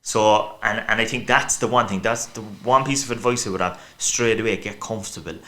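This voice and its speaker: This man's voice sits on the low side, brisk, pushed and bright. He's an Irish podcast guest with a heavy Cork accent, rambling chattily at length in casual conversation and performing quoted voices as he goes.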